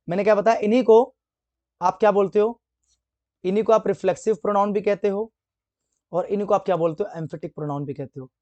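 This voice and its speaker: A man teaching an English grammar lesson online. He keeps asking the class questions and answering them himself, and he reads the English example sentences slowly. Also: high-pitched, darkish tone, no echo. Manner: asks and answers his own questions.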